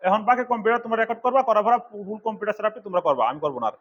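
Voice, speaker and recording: A middle-aged man from Bangladesh lectures his computer class at a rapid clip, his voice sitting fairly high. He scolds and urges the students in turn. The recording is dull and lo-fi. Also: lively intonation. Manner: fast, scolding and exhorting. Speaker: computer course instructor.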